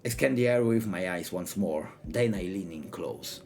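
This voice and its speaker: A streamer reads a visual novel aloud with music playing behind him, performing it expressively in a theatrical, irreverent style and breaking off for side remarks. His voice sits low with a darkish tone and a normal speed.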